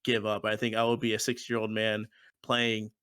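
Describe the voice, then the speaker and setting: A man's voice: fairly low pitch, completely flat delivery, normal speed, a bit bright, clear, resonant tone, dry recording. A man in his twenties chatting casually on a podcast, rambling and leaning on "like" and repeated words. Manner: rambling, repeats himself, uses "like" a lot. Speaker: podcast co-host. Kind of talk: casual chat.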